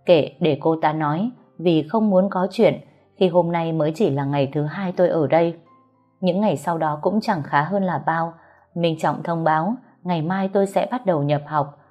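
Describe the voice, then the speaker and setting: A woman narrating a story in a steady, even manner, on a dull lo-fi recording. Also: lowish voice. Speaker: audiobook narrator.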